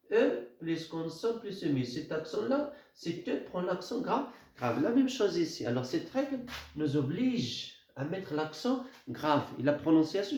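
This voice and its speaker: A man teaching a grammar lesson, speaking slowly, repeating words and spelling out letters. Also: a little high, darkish tone, slight background noise. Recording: echoey room, dull lo-fi sound.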